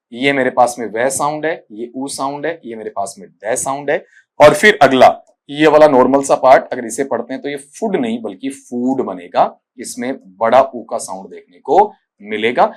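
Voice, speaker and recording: A middle-aged man teaching an exam-prep class, breaking words into their sounds one by one and often calling his students beta. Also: mid-range voice. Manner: addresses students as beta, repeats "thik hai" often; corrects pronunciations by saying sounds slowly one by one. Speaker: English teacher.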